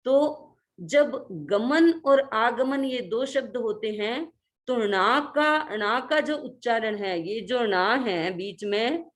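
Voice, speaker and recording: Woman reciting syllables slowly and carefully. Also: on the high side. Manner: recites syllables slowly, stressing each sound. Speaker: religious workshop teacher. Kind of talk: pronunciation lesson with slow recitation. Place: online video workshop.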